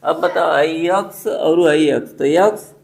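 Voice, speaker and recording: Gravelly male maths teacher talking students through steps. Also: fairly high pitch, a little slow. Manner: talks students through each step, asking checking questions. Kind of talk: classroom maths lesson.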